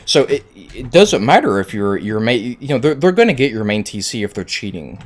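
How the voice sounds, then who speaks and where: A man's voice: medium pitch, big pitch swings, moderate pace. A man giving a casual, conversational video game tutorial, stressing his points with repetition. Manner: conversational, emphatic with repeated points. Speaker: gaming tutorial creator.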